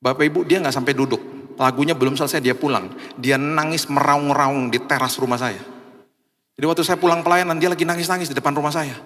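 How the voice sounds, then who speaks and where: A pastor preaches a sermon in a large church hall, telling a story and acting out its characters with big pitch jumps for the quoted voices. Otherwise his intonation is fairly even, his pace quick and his tone fairly bright, with long hall reverb on the recording.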